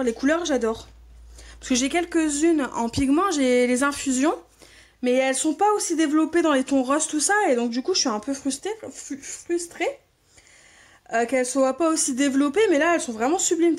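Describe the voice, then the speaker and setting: High-voiced, gushing French-speaking woman. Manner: gushing, enthusiastic, repeats her delight. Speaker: scrapbooking channel host. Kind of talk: casual unboxing chat.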